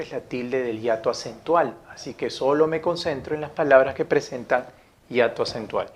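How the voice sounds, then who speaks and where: Man teaching slowly, repeating every example. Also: mid-range voice, a little hiss or hum. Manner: slow, repeats each sentence and checks with "¿no?". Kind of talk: spoken grammar lesson.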